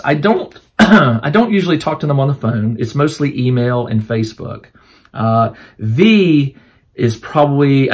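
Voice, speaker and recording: A man's voice: mid-range voice, slightly rough. Rambling man with a tiring voice. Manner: rambling, with many fillers and restarts. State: voice starting to wear out. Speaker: host of a tabletop crafting channel. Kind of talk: casual Q&A chat to camera.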